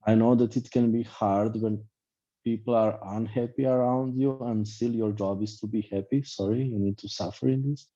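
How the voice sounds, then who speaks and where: A man's voice: fairly low pitch, steady tone, normal speed, warm tone, dull audio. A man with a loose, blunt manner, filler-heavy and repetitive, giving an online class as a life coach over a video call.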